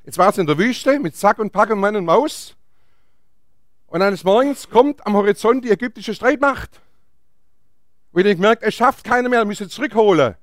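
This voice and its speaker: A man's voice: high voice, animated, moderate pace, pauses often, no echo, clean studio sound. A man preaching a sermon, telling a Bible story in a chatty way and asking his listeners questions. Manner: chatty, asks the audience questions.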